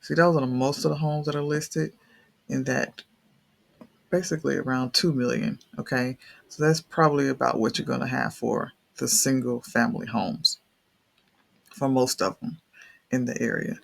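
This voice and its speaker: Male host, thick Southern US accent, heavy vocal fry, casual rambling tour commentary, folksy and unscripted. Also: medium pitch, fairly even intonation, moderate pace. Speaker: real estate video host.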